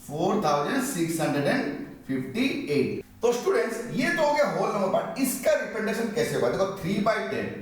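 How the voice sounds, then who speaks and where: Lively teacher in an echoey room. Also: male voice, sits high, recorded from a distance. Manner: explains step by step, asks and answers his own questions. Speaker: maths teacher. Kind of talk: classroom maths lesson at a board.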